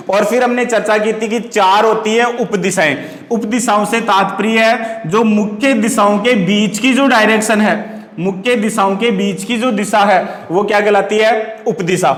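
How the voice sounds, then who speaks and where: A man with a fairly high voice teaches a class in a question-and-answer rhythm. He drills his students, repeating each answer and spinning wordplay into memory tricks. The recording has a roomy echo with a long reverb tail, as in a bare classroom. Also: fairly bright tone. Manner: asks questions and answers them himself, repeating key words.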